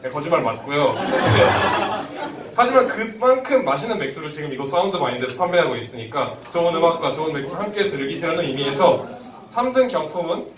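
High-voiced male prize announcer in an echoey venue. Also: animated, quick pace. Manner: playful, joking, laughs while announcing. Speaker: host of a prize draw at a band concert. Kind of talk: live prize announcer, polite formal stage hosting. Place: indoor live music venue. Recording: echoey live venue, distant mic, loud crowd. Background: loud audience crowd.

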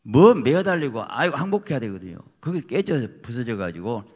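Fiery pastor in a reverberant hall. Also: male voice, mid-range voice, very animated, moderate pace. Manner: emphatic, swinging from quiet asides to shouted peaks. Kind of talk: fiery sermon. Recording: long reverb of a church hall.

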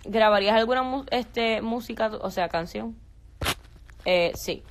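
A woman's voice: fairly high pitch, measured pace, slight background noise. A young woman, chatting on a phone live stream, reading viewer questions aloud and answering casually. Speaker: social media creator.

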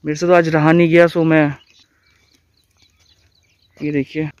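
Riding his bike outside an empty stadium, a young cycling vlogger from India chats casually to camera, giving his viewers sincere, friendly tips. His fairly high voice is smooth and unhurried, delivered flatly. A handlebar-mounted camera mic captures it along with heavy outdoor noise.

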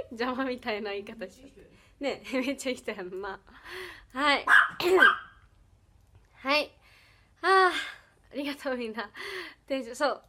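A woman's voice: high voice, sing-song, a little slow, pauses often. A young woman hosting a casual livestream, bubbly, thanking viewers and rattling off rankings. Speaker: livestream host. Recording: loud background noise.

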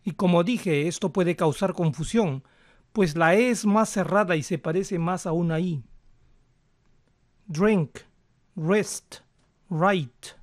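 A man calmly explaining English pronunciation step by step as a language teacher, slowing down to model words. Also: sits high, dry recording, clean studio sound. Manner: calm, methodical, slows down to model words.

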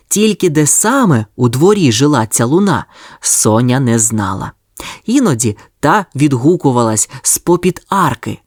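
A storyteller reading a children's audio tale with a lively, expressive voice that swings widely up and down. Mid pitch. Dry, close recording with no room sound. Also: no room sound.

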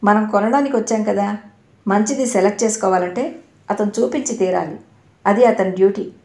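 A woman reading the part of a lively, take-charge young married woman in a teasing, bossy manner, in an echoey room. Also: mid-range voice, brisk, close to an everyday voice.

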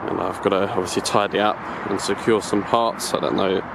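A man's voice: low voice, fairly quick, gravelly. A man giving a chatty, rambling walking tour of his allotment, filming it himself on a handheld camera outdoors. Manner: rambling, chatty, self-correcting. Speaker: allotment vlogger. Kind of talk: casual walking tour narration. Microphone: handheld camera mic, filming from own view. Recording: outdoor camera audio with steady background noise.

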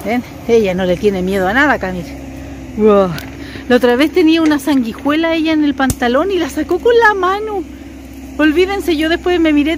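A woman vlogging outdoors in a forest, chatting excitedly and addressing her viewers directly. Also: high-pitched. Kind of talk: outdoor vlog to camera. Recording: noisy outdoor camera audio.

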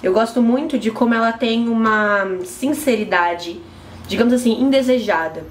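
A woman's voice: fairly high pitch, moderate pace. Chatty brazilian woman in a roomy balcony. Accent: Brazilian Portuguese. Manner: chatty, trimming pepper plants while talking. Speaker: book vlogger. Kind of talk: casual chat to camera. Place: glassed-in apartment balcony with plants. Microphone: camera at close range. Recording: roomy echo, faint background noise.

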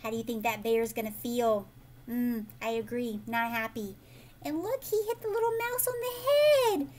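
In a living room at home, a high-voiced American woman, a teacher, reads a picture book aloud to children expressively, adding asides and prompting them with questions. She is animated and keeps a moderate pace, with a little hiss or hum in the audio.

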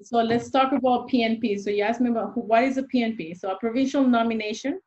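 A young adult immigration consultant talks fast in a fairly high, slightly mellow voice. During a video-call interview from a small room, she breaks down the rules step by step with worked examples. The sound comes from her webcam and is dull and lo-fi.

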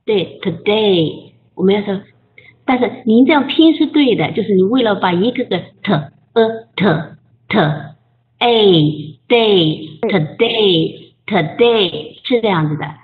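A woman teaching English pronunciation in an online group lesson, patiently coaching and modeling sounds slowly. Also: mid-range voice, animated. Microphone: voice chat. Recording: tinny phone-like line.

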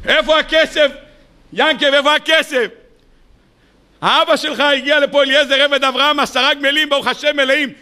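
Preacher doing a grasping con man, high and harsh, badgering. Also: fairly even intonation, pushed and bright, full character voice. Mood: demanding. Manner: pushy, badgering questions. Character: greedy scheming male swindler demanding money.

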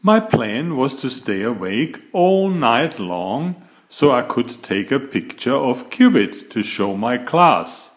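A man reading a children's picture book aloud, raising his pitch for the girl's lines. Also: sing-song, slow pace.

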